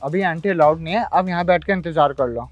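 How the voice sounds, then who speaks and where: A man's voice: on the high side, quick pace, no echo, dull audio, close to an everyday voice. A man playing a harried security guard. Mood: irritated. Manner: exasperated and sharp.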